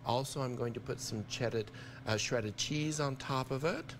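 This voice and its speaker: In a live TV cooking demo, an older chef with a mid-range voice explains a recipe from a studio kitchen at a moderate pace. He sounds upbeat and enthusiastic, and a little hiss or hum sits under the audio.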